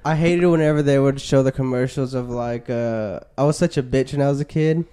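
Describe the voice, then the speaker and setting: A man's voice: medium pitch, fairly quick, dark tone, clean tone. A man co-hosting a casual comedic podcast, joking in a crude, profane way. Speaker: podcast co-host.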